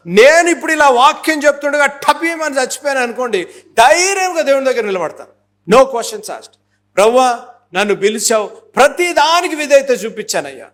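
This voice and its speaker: A man's voice: very high-pitched, a bit bright. A man in his fifties preaching a sermon as pastor, emphatic and driving, slipping English phrases into his talk and acting out little dialogues.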